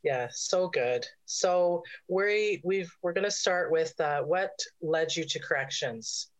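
Slow, low-voiced woman co-host. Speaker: podcast co-host. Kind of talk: casual podcast interview.

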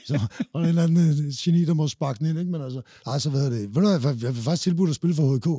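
Man in his forties, podcast guest, rambling, swearing, warm dark tone, dry close sound. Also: on the high side, no room sound. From Denmark. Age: 40s. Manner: rambling, swearing, many restarts. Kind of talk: casual chat.

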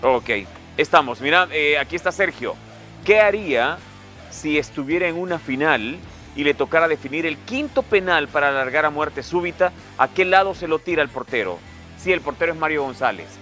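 Man, teasing podcast host, somewhat high voice, faint music behind. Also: expressive, normal speed, bright, forceful tone. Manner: teasing, needling questions. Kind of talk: casual sports talk.

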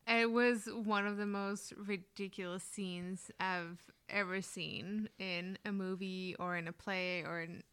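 A woman's voice: mid-range voice, fairly even intonation, slow, hardly any pauses, a bit bright, clear, resonant tone. A woman co-hosting a casual podcast, making dismissive, critical remarks about a film. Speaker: podcast co-host. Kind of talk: casual comedic chat.

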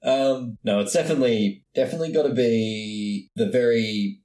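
A man's voice: mid-range voice, normal speed, warm tone, slight background noise. A man co-hosting a casual podcast chat, joking and rambling with self-mocking asides. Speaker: podcast co-host.

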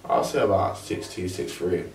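A man's voice: sits low, moderate pace. Echoey young London roadman chatting. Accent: London roadman, multicultural London English. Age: young adult. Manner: slangy, animated storytelling with quoted asides. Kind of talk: casual chat. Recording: roomy echo, distant from mic.

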